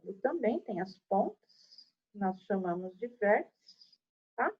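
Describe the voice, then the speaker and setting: A woman's voice: mid-range voice, sing-song, slow pace, husky, highs cut off. A woman teacher with a Brazilian Portuguese accent giving a patient, step-by-step math lesson to children, checking in after each point.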